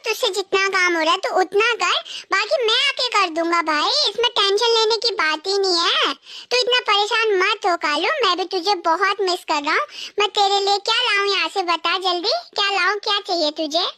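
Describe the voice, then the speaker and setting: A woman's voice: very high voice, normal speed, pushed and bright, dry recording, clean studio sound. A woman voicing a young husband in a comedic dub, coaxing and repeating apologies. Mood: soothing.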